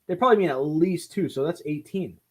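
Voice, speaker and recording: A man's voice: fairly high pitch, husky. A man co-hosting a casual chat, playful and joking. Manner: playful, joking, quick to laugh. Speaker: podcast co-host. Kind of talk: casual chat about film releases.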